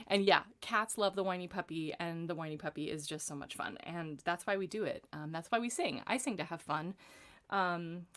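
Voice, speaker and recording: A woman from Los Angeles leading a livestream vocal warm-up lesson as a vocal coach, chatty and encouraging with lots of ums. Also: fairly low pitch, normal speed. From Los Angeles, USA.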